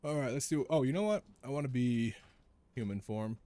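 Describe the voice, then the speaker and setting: A man's voice: mid-range voice, a little fast, warm tone, slight background noise. A man streaming a video game, chatting casually as he plays and often repeating his own phrases. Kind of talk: casual live gameplay commentary.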